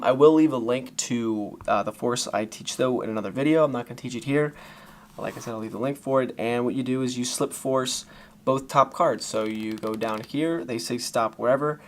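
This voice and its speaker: A man giving a casual, loosely improvised card-trick tutorial in magician patter, talking informally to viewers with a gravelly voice. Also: mid-range voice. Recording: faint background noise.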